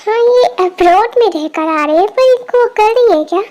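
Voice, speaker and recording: A sulky, defensive young woman who snaps back and pleads by turns, as a woman plays her. The voice is very high, a fan audio drama dub. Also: expressive, normal speed, mellow. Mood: pleading.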